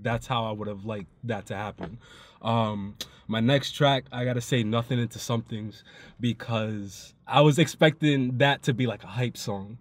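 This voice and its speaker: A man's voice: medium pitch, fairly even intonation, moderate pace, dry recording. A man co-hosting a casual music review chat, laid-back and agreeable. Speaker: co-host of a music review show.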